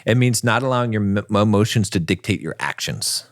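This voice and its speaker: A man's voice: fairly low pitch, animated, fairly quick, dry recording, clean studio sound. A man co-hosting a relationship podcast, talking emphatically and tagging his points with "right?". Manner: emphatic, keeps asking "right?". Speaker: podcast co-host. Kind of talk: relationship advice podcast talk.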